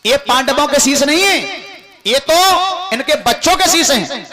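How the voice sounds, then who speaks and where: A man's voice: extremely high pitch, lively intonation, moderate pace, voice pushed up. A storyteller voicing wrathful king Duryodhana. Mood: enraged. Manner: enraged, scolding. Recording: music playing behind.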